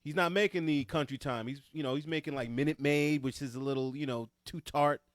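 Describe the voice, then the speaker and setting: A man's voice: on the high side, a little fast, no room sound, studio quality. A man with a Long Island accent co-hosting a casual sports podcast, talking in an emphatic, opinionated way. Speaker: podcast co-host.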